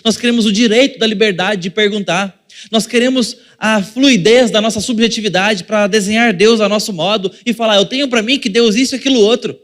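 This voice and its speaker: A pastor with a Brazilian Portuguese accent and a voice high for a man preaches from the pulpit in a large hall. His sermon is conversational, slipping into small acted-out scenes and addressing the listeners directly.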